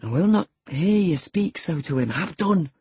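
A narrator voicing a rough but earnest young country man, muttering and rustic, in an audiobook. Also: mid-range voice, lively intonation, moderate pace, darkish tone, dry recording, voice pushed up. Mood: earnest reproach.

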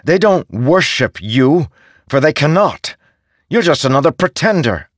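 A weary, defiant young soldier, voiced by a male narrator. He speaks firmly and earnestly, and his pitch moves with a lively swing. The sound is dry and close. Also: measured pace, no echo, close to an everyday voice. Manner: earnest, firm.

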